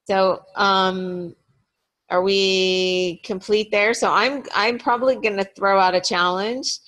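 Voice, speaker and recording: A woman's voice: mid-range voice, fairly even intonation, takes it slowly, a bit bright. A woman hosting a team video call, chatty and upbeat, with lots of fillers and laughter. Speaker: meeting host. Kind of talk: casual video call meeting.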